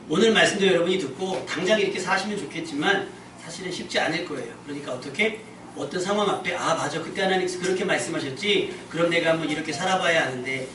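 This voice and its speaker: A male pastor giving a joking, conversational sermon and leading call-and-response with his congregation. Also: fairly high pitch. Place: church sanctuary. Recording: echoey church from far off, with noise.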